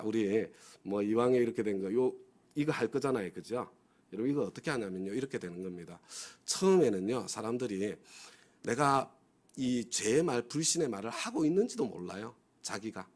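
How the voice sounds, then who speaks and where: Man, pastor, dawn service sermon, fairly low voice, keeps asking listeners to agree, acts out inner voices. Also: expressive, a little fast, a little mellow. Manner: has the congregation repeat phrases after him.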